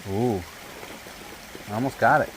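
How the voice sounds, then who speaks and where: A man talks casually as he narrates an outdoor hobby vlog. His voice sits at a medium pitch, caught by a neck-mounted camera in low sample rate audio, with faint ambient noise behind him. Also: unhurried. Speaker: RC crawler hobbyist host. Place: outdoors on a trail. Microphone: camera on neck mount, no external mic.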